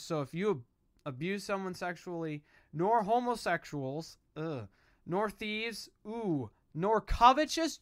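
Online preacher, mid-pitched voice, dry close sound over music; fervent, informal, pointed and exhorting. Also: clear, resonant tone, no room sound. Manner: emphatic and exhorting, with sarcastic asides and rhetorical questions; self-described yelling preacher voice. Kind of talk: fiery informal evangelistic sermon.

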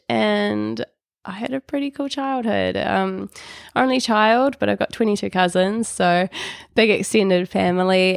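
A woman's voice: on the low side, creaky, dry recording, clean studio sound. A woman, an artist guest chatting in an interview, laughing often and restarting her sentences, still recovering from an illness. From New Zealand. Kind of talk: interview conversation.

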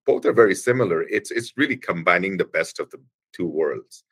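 Deep-voiced man explaining at length. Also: expressive, fairly bright tone, slightly rough. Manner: explanatory, halting with many restarts. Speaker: guest, engineering executive. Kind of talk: podcast interview.

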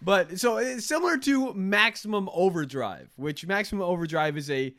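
A young man co-hosting a casual comedy podcast, rambling and animated with lots of fillers. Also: high-pitched, normal speed. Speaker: podcast co-host.

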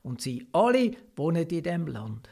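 A man voicing God as a calm, reassuring voice in a children's Bible story. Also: on the high side, unhurried, gravelly, exaggerated voice. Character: God, a kind, reassuring divine voice.

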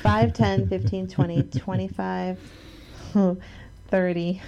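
A woman's voice: medium pitch, level tone, slow, vocal fry, warm tone. A woman co-hosting a podcast, chatting casually and teasingly with her partner. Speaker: podcast co-host. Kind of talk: casual chat between partners.

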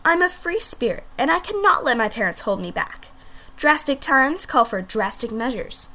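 A spoiled little French bulldog girl holds court in this storybook reading, as a woman puts her on. She drawls and swoops dramatically through her lines, fairly high and very lively, with diva flair. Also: moderate pace, full character voice. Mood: sassy. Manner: theatrical, diva-like, swooping pitch. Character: sassy pampered five-year-old female French bulldog.

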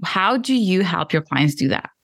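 A woman's voice: lowish voice, expressive, moderate pace, dry recording, studio quality. A woman hosting a casual podcast interview over a video call, chatty and affirming, laughing often. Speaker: podcast host. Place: room at home.

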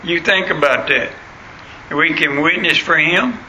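Male preacher, rural American accent, plain country diction. Very bright, hard-edged, slightly high voice, folksy sermon delivery. Noisy recording. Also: measured pace. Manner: folksy, punctuates points with questions to listeners. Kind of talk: sermon with anecdotes and scripture reading.

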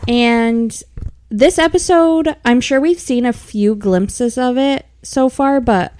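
A woman's voice: a little high, slow, darkish tone, smooth. A young woman co-hosting a casual podcast, sarcastic and profane, often laughing. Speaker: podcast co-host. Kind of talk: casual chat.

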